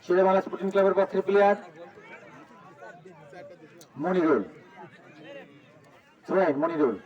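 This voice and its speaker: A Bangladeshi man giving excited, urgent live football commentary, repeating players' names and calls. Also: high voice, normal speed, distant mic, lo-fi sound, some chatter behind. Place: outdoors at a local football ground.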